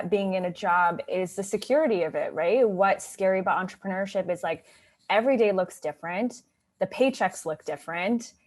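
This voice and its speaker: A woman in her thirties, a guest consultant talking casually in an interview, with lots of "like" and "you know". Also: medium pitch. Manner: chatty, many "like" and "you know" fillers.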